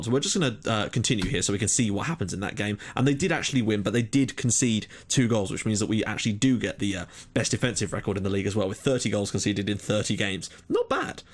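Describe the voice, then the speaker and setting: A young man giving casual commentary over a football management game, animated, swearing and exclaiming at what happens on screen. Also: mid-range voice. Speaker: gaming YouTuber.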